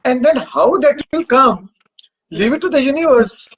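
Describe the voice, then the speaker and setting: Husky Indian-accented spiritual coach. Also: high-pitched, expressive, moderate pace, poor audio. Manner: emphatic, repetitive, rhetorical questioning. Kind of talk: motivational spiritual teaching.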